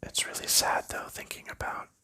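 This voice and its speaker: While he sorts pieces from a board game, a male ASMR creator keeps up a whispered, rambling chat. He takes his time and lets out soft laughs.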